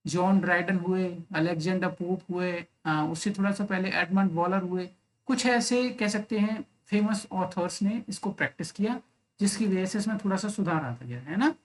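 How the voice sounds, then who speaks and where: A man's voice: sits high, slight background noise. A man teaching English literature in an exam-prep lecture, explaining step by step and mixing Hindi with English terms. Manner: explains step by step, often adds the tag "है ना".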